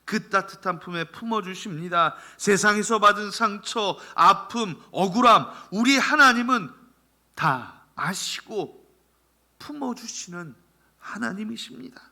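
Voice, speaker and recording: A man preaching a Sunday sermon, swinging from loud calls down to soft, near-whispered lines. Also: high-pitched, lively intonation, measured pace. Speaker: pastor.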